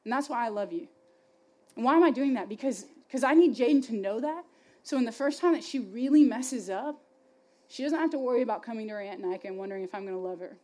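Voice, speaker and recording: A young woman preaching to a youth crowd in a chatty, passionate way, leaning on "like" and "y'all" between points. Her voice sits a little high for a woman, and she swings from soft asides to fired-up emphasis. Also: quick pace. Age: young adult. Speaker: speaker at a youth faith gathering. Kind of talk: conversational sermon.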